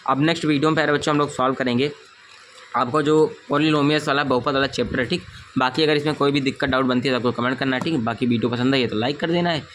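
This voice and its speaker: A man's voice: medium pitch, steady tone, very fast, a bit bright, a little hiss or hum. A young man teaching a school math lesson, who keeps checking "okay?" and calls his students dear children. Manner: repeats "thik na" often, addresses students as dear children.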